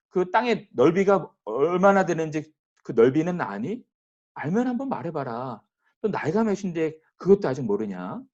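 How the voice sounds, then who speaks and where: A stern, rebuking God, put on by a male preacher fires slow, pressing questions one after another. The voice sits at a middling pitch, and the recording sounds slightly dull and lo-fi. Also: a little mellow, close to an everyday voice.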